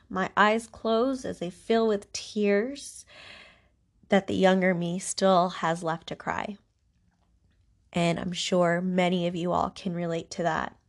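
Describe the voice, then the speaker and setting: Woman podcast host, stuffed up nose from allergies, gravelly creaky voice, talking slow and reflective. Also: mid-range voice. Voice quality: congested. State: congested from allergies, voice not its normal sound. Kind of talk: personal faith talk, monologue.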